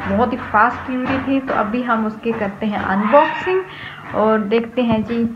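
A young woman with a fairly high voice talks through a face mask, chatty and casual as she opens a parcel for her vlog. The recording is noisy, with a steady hiss behind her. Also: moderate pace, dull audio. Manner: chatty, coaxing a child along. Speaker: vlogger.

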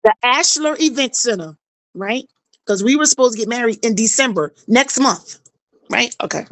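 A woman's voice: a little high, animated, moderate pace, no echo. A middle-aged woman tells her own story in casual chat. She talks animatedly, acting out quoted dialogue and repeating phrases for emphasis. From South Carolina, US.

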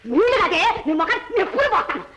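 A woman's voice: very high-pitched, very animated, fast, heavy background noise. A cruel, scolding mother-in-law. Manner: scolding, taunting. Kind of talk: 1960s Telugu film acting.

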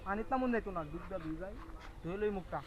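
A man's voice: high voice, fast, natural voice, poor audio. A man with a rural Bangladeshi accent playing a foolish, happily rambling drunk in an amateur comedy skit. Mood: delighted. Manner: exclamatory, rambling. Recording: outdoor recording with faint noise.

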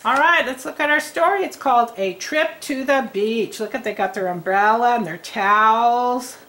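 A woman reading teacher giving a lesson to young children at a tabletop, speaking in a slow, encouraging way and sounding words out. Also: a little high, fairly bright tone. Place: indoors at a tabletop.

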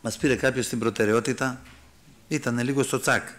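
Ένας μεσήλικας άνδρας ιεροκήρυκας που κηρύττει με οικείο, κουβεντιαστό τόνο, εξηγεί τη Γραφή και απευθύνεται στους ακροατές ως «αδερφοί». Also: male voice, mid-range voice, fairly even intonation, a bit bright, a little hiss or hum. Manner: conversational preaching, addresses listeners as brothers, reads and explains scripture. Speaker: preacher. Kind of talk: sermon. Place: church hall.

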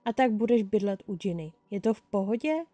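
Storybook role: a woman doing a cheeky, easygoing teenage wizard boy, with a dark, mellow voice. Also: mid-range voice, expressive, dry recording, faint music behind, close to an everyday voice.

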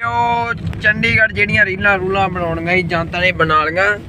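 A man's voice: high voice, little pitch movement, a little fast. A man in his twenties with a Punjabi accent, chatting casually and slangily to his vlog viewers, joking as he goes. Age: 20s. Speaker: vlogger. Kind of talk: casual vlog chat to camera. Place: on the move in malls, streets, a car and a cafe. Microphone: phone at arm's length. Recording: noisy outdoor phone recording, crowd and traffic. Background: crowd chatter and vehicle noise.

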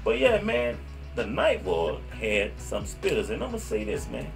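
A man's voice: mid-range voice, wildly swooping pitch, a little slow, gravelly. A middle-aged man with a New Orleans accent, reminiscing casually and slangily to camera, often repeating himself as he recalls. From New Orleans, USA. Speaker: host of a local music history show. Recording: music playing behind the voice. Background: background music.

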